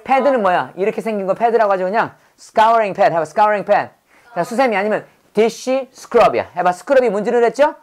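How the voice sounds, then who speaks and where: A woman teaching an English vocabulary lesson, lively and drilling her learners with prompts to repeat after her. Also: mid-range voice, a little fast.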